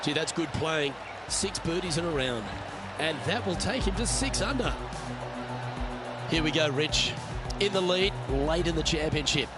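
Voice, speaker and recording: A man calling golf shots as a play-by-play commentator, admiring and measured. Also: on the high side, animated, over loud music.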